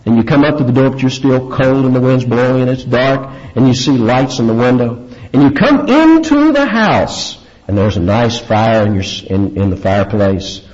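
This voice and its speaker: A man's voice: mid-range voice, fairly even intonation, a little fast, few pauses, a little mellow. Emphatic preacher man, lo-fi recording. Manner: emphatic, vivid storytelling with rising stresses on key words. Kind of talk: expository sermon.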